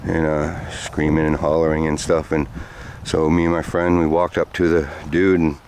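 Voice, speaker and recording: Man in his forties, extremely low voice, loose rambling storyteller, outdoor walk, faint background hiss. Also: completely flat delivery, normal speed, darkish tone. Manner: rambling, loose with many fillers. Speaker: vlogger. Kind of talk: walking storytelling vlog. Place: outdoors on sandy trails by woods.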